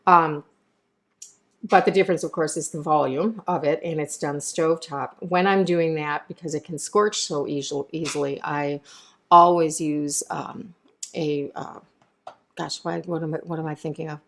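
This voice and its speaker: Low-voiced woman chef teaching a recipe. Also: steady tone, moderate pace. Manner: chatty, digressive, explains step by step. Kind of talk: cooking demonstration. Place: home kitchen.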